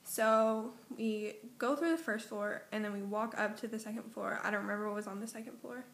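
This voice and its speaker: A woman's voice: medium pitch, steady tone, a little fast, creaky, echoey room. A young woman vlogger, just woken up, telling a long dream in a casual, meandering way full of fillers and self-corrections. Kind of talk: casual rambling story.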